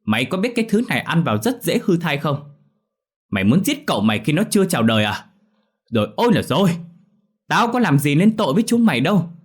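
A man voicing a spiteful, sharp-tongued young mistress who scolds and shrieks at her servants in a ghost story. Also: on the high side, very animated, brisk, husky, pitched above the performer's own voice. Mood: wailing.

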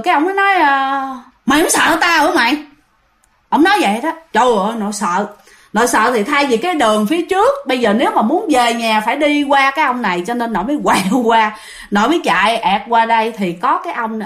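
A woman with a Southern Vietnamese accent telling a ghost story in a chatty, casual way, speaking straight to her listeners and correcting herself as she goes. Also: sits high. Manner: chatty, addresses listeners directly, self-correcting.

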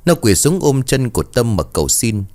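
A man's voice: medium pitch, very animated, normal speed, darkish tone. A man narrating a ghost story in a dramatic reading style, voicing every character himself.

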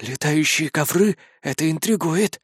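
Brief: man voicing a kind gentle hedgehog with glasses, mild, dry studio sound. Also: fairly high pitch, a little slow, breathy edge, no echo. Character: kind, bespectacled male hedgehog.

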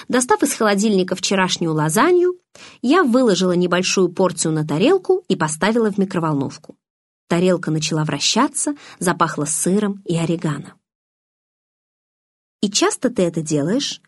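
A woman narrating a novel in the first person, in an even, measured storytelling manner. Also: on the low side, no room sound, studio quality. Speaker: audiobook narrator.

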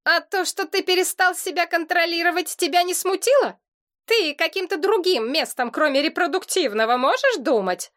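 A woman voicing a gruff middle-aged male demon, a clan head who scolds his foolish nephew with sarcasm, in an audiobook reading. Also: very high-pitched, moderate pace, a bit bright, voice pushed up. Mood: scolding.

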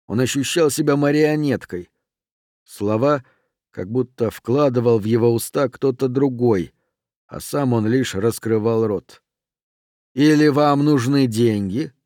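A man narrating an audiobook in an even, unhurried reading voice. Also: medium pitch, dry recording, studio quality.

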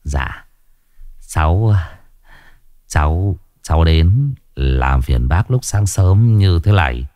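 A man's voice: on the high side, lively intonation, moderate pace, no echo, voice pushed up. A man voicing a desperate young village man who stammers and begs through tears in a ghost story. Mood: tearful pleading. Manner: tearful, stammering pleading. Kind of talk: storybook ghost tale voice acting.

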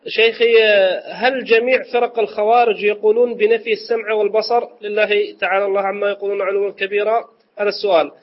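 A man's voice: high voice, level tone, fast, muffled recording. A man calling in to ask a sheikh questions, eager and respectful. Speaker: caller asking questions.

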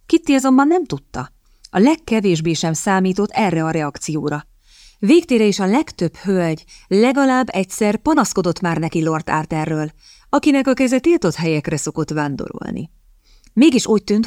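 A woman narrates a novel in a calm, even, measured reading. Her voice sits low, and the close studio mic gives a dry sound with no room echo. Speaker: audiobook narrator. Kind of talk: scripted narration.

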